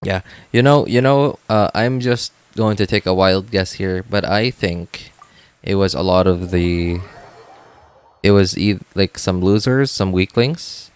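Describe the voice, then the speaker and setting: Speaking a little slowly in a deep, clean-toned voice, a game streamer chats casually while playing. His talk wanders as he thinks out loud, frequently going back over the same points.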